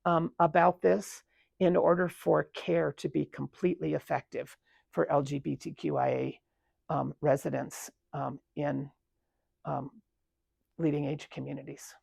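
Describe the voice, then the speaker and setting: A woman in her seventies with a gravelly, husky voice talks through her working life at a retirement community. She is reflective and pauses often on ums and restarts. The sound is close and dry. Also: deep voice, level tone, darkish tone, no echo. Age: 70s. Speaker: interviewee. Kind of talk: recounting her career.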